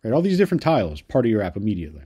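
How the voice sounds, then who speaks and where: A young man narrates a screen-share software tutorial in an upbeat, encouraging way and keeps checking in with "right?". His voice sits a little low and sounds warm and mellow. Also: wildly swooping pitch, racing, husky. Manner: upbeat, repeats "right?" often. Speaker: online business course creator.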